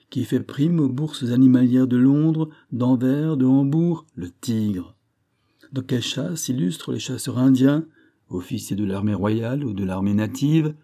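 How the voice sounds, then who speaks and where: A pompous middle-aged animal dealer holds forth in grand, declamatory sentences, savoring rare words, as a man reading a storybook puts him on. The voice is very dark and mellow, lifted a little higher than plain narration, with a lively rise and fall. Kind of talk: audiobook character reading.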